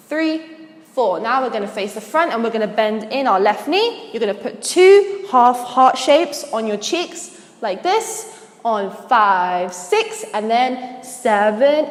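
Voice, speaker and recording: A woman's voice: fairly high pitch, reverberant, big-room sound. A woman teaching a dance routine step by step, explaining each move and counting the beats aloud as she demonstrates. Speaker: dance instructor.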